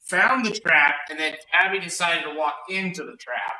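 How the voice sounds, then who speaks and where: A man talks his friends through what happened in their tabletop game, rambling and correcting himself as he goes. His voice is bright and sits a little high. The recording is roomy, with a mic set some distance away and a faint hum underneath. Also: lively intonation, normal speed. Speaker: tabletop player recapping the session. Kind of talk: casual recap among friends.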